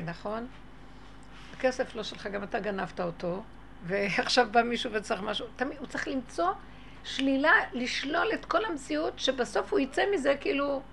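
Gravelly-voiced Israeli woman telling a tale. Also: on the high side, slight background noise. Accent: Israeli Hebrew. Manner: animated storytelling, acts out quoted voices. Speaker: religious teacher.

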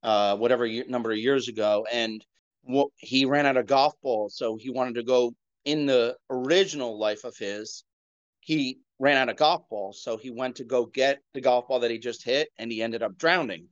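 A man's voice: mid-range voice, normal speed, dry recording. A man in a casual podcast chat rambles through a retold story, stopping to correct himself along the way. His voice is bone-dry and dull in tone, as if from a cheap mic in a dead room. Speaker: podcast co-host.

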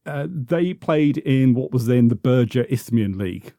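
Here a medium-pitched, expressive male voice moves at a measured pace with a mellow quality, recorded clean in a studio with no room sound. He's a football podcaster in his fifties from South London, a guest in an interview, rambling through casual memories, hesitating and correcting himself often.

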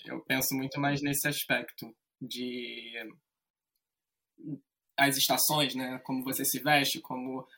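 Carioca guy, bright voice, laid back and a bit hesitant. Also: medium pitch, takes it slowly. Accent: Carioca Brazilian Portuguese. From Rio de Janeiro, Brazil. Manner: relaxed, hesitant, with many fillers. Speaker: guest, English teacher. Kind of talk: casual chat.

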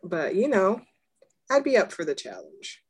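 A woman's voice: medium pitch, a little slow, background noise. A woman co-hosting a podcast, speaking candidly and affirming her co-host with frequent murmurs. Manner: relaxed, affirming, frequent mm-hmms. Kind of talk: candid casual chat.

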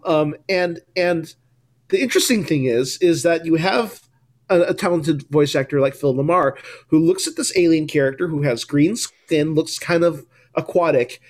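A man's voice: fairly high pitch, a little mellow. A man hosting a casual panel discussion, enthusiastic and thinking aloud, often tagging his points with questions. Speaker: podcast host.

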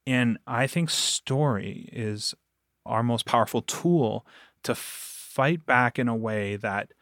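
This man is an audio drama producer speaking as a guest in a conversational podcast interview. He explains and tells stories earnestly and with emphasis, in a slow, medium-pitched, slightly bright voice captured in echo-free studio quality.

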